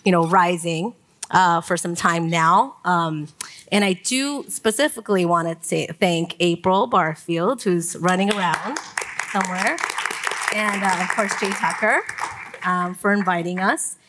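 A woman in her forties moderating a conference panel on stage, talking with many pauses and fillers. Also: fairly low pitch, background noise. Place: conference stage before an audience.

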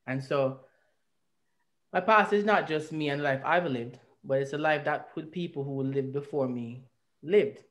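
A man with a Jamaican accent tells his story at length as an interview guest over a video call webcam from a room at home. His voice is fairly high and a bit bright at normal speed, and he's earnest and reflective, building with rising emphasis.

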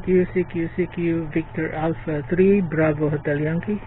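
A man making an amateur radio contact, heard over a fading shortwave radio signal, talking haltingly with many fillers. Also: on the high side, steady tone. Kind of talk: ham radio contact exchange. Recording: narrow-band shortwave radio with faint static.

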